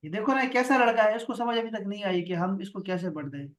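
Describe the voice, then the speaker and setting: A man's voice: sits high, fairly even intonation, a bit bright. A man teaching an online Arabic class over a video call, patient and repeating words for drill. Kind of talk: online grammar lesson.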